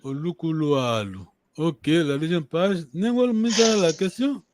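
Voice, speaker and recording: A man with a notably high voice leads a language lesson, hesitating and restarting his phrases and stopping often to ask whether everyone has understood. The sound is dry and close, with no room echo. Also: measured pace, a little mellow. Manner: checks understanding with the class. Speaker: language teacher.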